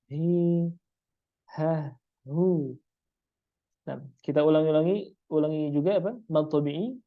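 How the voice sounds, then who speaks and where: A man teaching Quran recitation, drilling Arabic letter sounds slowly and dropping a filler "ya" between phrases. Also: fairly high pitch. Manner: peppers sentences with a filler "ya". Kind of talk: online lesson on Arabic letter pronunciation. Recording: dull lo-fi recording.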